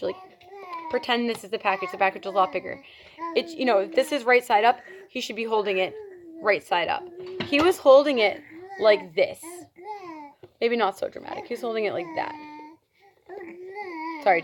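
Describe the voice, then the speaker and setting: A young woman from New telling an exasperated, animated storytime vlog at home. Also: medium pitch, a little hiss or hum. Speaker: reptile keeper vlogger.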